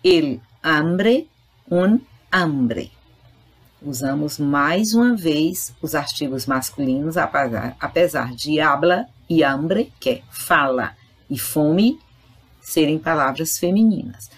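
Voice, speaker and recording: A Spanish teacher gives a recorded online grammar lesson, explaining patiently and addressing her students directly. Her voice sits low and husky, animated but delivered at a measured pace.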